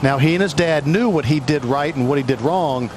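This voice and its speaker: A man's voice: a little high, fairly quick. A man working as a golf commentator, giving live analysis of swings and shots. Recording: loud outdoor background noise. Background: loud outdoor noise.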